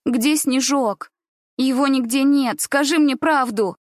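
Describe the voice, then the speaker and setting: A woman's voice: fairly high pitch, fairly even intonation, takes it slowly, dry recording, clean studio sound. A woman voicing a frightened, desperate young girl who pleads and cries out accusations. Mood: frantic.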